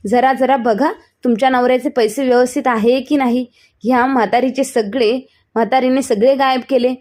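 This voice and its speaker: Woman doing a mean young daughter-in-law, sharp and accusing, kinda high voice. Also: fairly even intonation, normal speed, lightly acted. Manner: shrill accusing.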